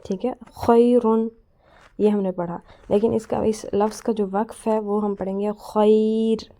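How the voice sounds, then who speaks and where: Mellow woman teaching recitation rules slowly. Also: mid-range voice, little pitch movement. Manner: explains patiently, then says each example word slowly and clearly. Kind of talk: tajweed lesson.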